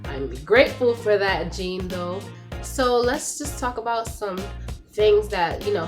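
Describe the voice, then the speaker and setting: A young woman vlogging to camera in a candid, chatty way, sounding a little congested from a cold. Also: medium pitch. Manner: chatty and candid, says "like" and "y'all" a lot. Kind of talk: casual talk to camera. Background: music, dog noise.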